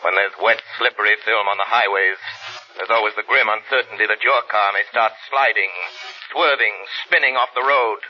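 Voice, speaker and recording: An actor playing a menacing, relentless invisible avenger in theatrical, commanding 1930s radio drama style. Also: male voice, on the low side, steady tone, moderate pace, a little hiss or hum, close to an everyday voice. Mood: ominous. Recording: dull 1930s radio recording.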